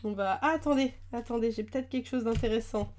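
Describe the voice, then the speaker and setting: A woman's voice: fairly high pitch, quick pace, a little mellow. A woman chatting casually at her desk as she unboxes trading cards, gushing over the cute ones. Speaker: card-opening YouTuber. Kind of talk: casual chat while unboxing.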